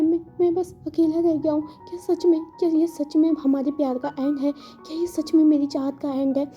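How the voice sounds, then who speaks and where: A woman's voice: sits high, highs cut off, close to an everyday voice. A woman voicing a shy, tearful young man who stammers and repeats his words as he confesses his love. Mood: lonely.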